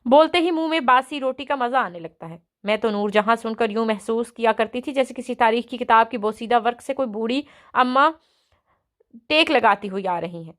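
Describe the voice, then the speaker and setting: A woman narrates a novel aloud in a steady storytelling manner. Her voice sits somewhat high.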